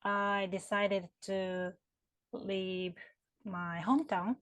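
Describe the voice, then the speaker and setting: With drawn-out words, a steady tone and a mid-range, slightly bright voice, a Japanese-accented woman answers interview questions. She is an HR consultant and career counselor who responds thoughtfully but with many fillers and restarts. There is no echo.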